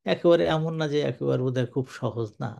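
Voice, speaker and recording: An older man giving a sermon-style Quran commentary, lively and colloquial, moving between slow Arabic recitation and quick speech. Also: medium pitch, gravelly.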